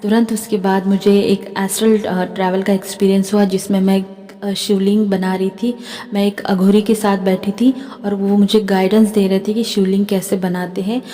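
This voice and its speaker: A woman with an Indian accent shares spiritual guidance and dreams in a chatty talk to camera. Her voice is mellow and unhurried in tone, and it trails off into a long reverb. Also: medium pitch, little pitch movement, soft background music. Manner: chatty, keeps adding "theek hai". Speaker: spiritual healer and tarot reader.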